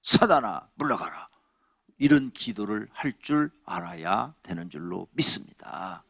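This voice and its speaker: A male pastor preaching a Friday night sermon in a church. He is emphatic, quizzes the congregation, and swings between loud exhorting and hushed asides. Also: on the low side, lively intonation, a little slow, vocal fry, no room sound, studio quality. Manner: asks the congregation questions. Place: church sanctuary.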